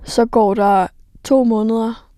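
A woman in her twenties, a bar worker, telling her own story for radio in a halting way, with many fillers and vivid recollection. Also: on the high side, steady tone, warm tone. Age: 20s. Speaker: bar worker recounting rescues.

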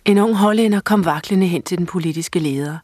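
A woman reading a war novel excerpt aloud in a grave, measured documentary tone. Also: fairly low pitch, a little mellow, no room sound, studio quality. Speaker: reader of a book excerpt.

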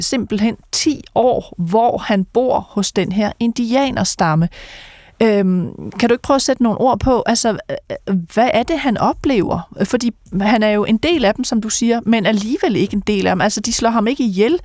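A woman hosting an interview, summarizing a story and asking measured, open questions. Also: fairly high pitch, a little mellow, no room sound, studio quality. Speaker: interviewer host.

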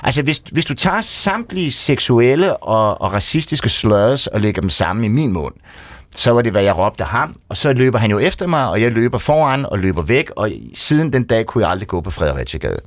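A Danish man telling a wild personal story on a radio show. His pitch swings up and down as he talks. The voice is close and dry, with no room sound. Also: no echo. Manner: lively storyteller, acts out shouting people. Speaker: guest storyteller. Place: radio studio.

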